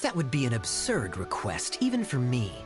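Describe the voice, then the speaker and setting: Kaeya, a sly teasing knight. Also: male voice, medium pitch, wildly swooping pitch, moderate pace, over music. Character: sly charming male knight, teasing and smooth-tongued. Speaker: game character. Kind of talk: game voice acting.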